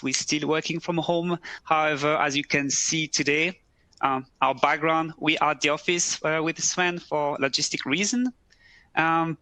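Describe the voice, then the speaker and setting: Bright-voiced man presenting. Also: fairly high pitch, dry recording. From French-speaking Switzerland. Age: 30s. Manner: relaxed, slightly broken English phrasing. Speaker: recruiter. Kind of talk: webcast presentation. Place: office.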